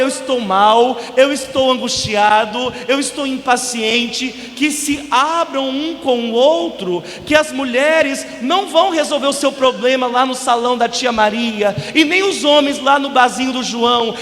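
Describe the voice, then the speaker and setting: A male priest with a Brazilian Portuguese accent preaching a sermon in a large church, alternating emphatic loud bursts with soft drops. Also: extremely high pitch. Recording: church reverb, faint hiss.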